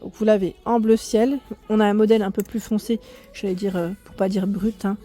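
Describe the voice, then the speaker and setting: This fashion vlogger moves briskly through a casual tour of a clothing store, her medium-pitched voice fairly even. Loud music plays in the store, faint on the recording, and she speaks up over it while often correcting herself.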